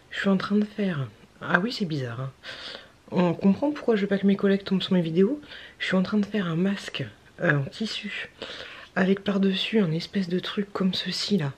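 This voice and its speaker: A woman's voice: fairly low pitch, breathy edge. Chatty woman vlogging at home. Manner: chatty, grumbling, often drops to a half-whisper. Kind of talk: casual vlog chat to camera.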